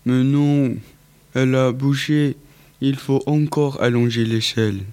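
A man's voice: mid-range voice, steady tone, measured pace, dark tone, clear, resonant tone, lightly acted. Determined cow played by a man, bossy, eager, firm delivery, children's audiobook.

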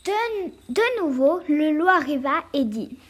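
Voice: sits high, lively intonation, measured pace. A child reading a fairy tale aloud, carefully, with small slips and restarts. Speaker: reader.

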